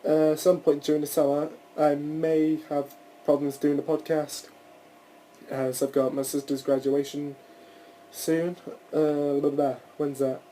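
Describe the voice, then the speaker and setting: Young man, slightly high voice, mellow tone, casual rambling podcast chat, faint background hiss. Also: flat delivery, a little slow, rough recording. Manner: rambling, swears, restarts often. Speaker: podcast host.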